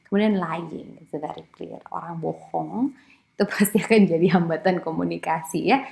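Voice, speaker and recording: A woman's voice: lowish voice, moderate pace, creaky, darkish tone. Chatty woman lecturing. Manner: casual, with frequent fillers and English terms; acts out quoted speech in a raised voice. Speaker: psychology lecturer. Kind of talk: online lecture.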